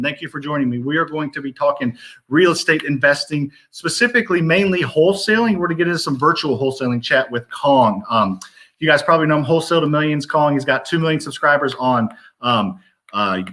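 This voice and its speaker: A man's voice: a little high, sharp tone. A man hosting a live stream interview in an upbeat, hyped manner. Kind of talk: livestream interview chat.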